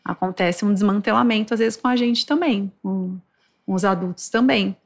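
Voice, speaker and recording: A woman's voice: mid-range voice, normal speed, creaky. A woman, a guest specialist, speaking reflectively in a podcast conversation, quoting adults' reactions.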